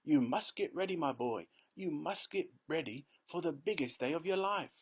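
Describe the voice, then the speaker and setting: A man voicing an excitable old grandfather in a storybook, shouting with joy. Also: a little high, normal speed, breathy edge, pitched above the performer's own voice. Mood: eager. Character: excitable old grandfather, frail but overjoyed.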